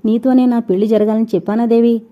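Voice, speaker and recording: A woman's voice: a little high, steady tone, fast talker, close to an everyday voice. A woman voicing a brash, scornful young man who talks in a taunting, insistent way. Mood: coaxing. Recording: dull lo-fi recording.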